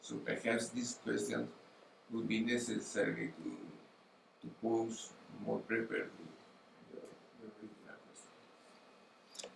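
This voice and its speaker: A middle-aged man who is not a native English speaker, questioning formally and haltingly as an academic examiner at a thesis defense. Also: on the low side, level tone, gravelly. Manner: halting, with repeated words and searching pauses. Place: university auditorium. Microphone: gooseneck table microphone. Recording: distant mic in echoey hall, faint noise.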